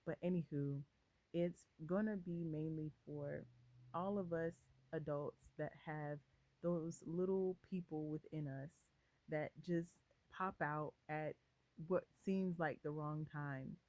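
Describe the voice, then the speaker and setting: A woman hosting her own channel in a casual vlog chat, bubbly and giddy, gushing with excitement. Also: low-pitched, takes it slowly, no echo, poor audio. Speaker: channel host, author.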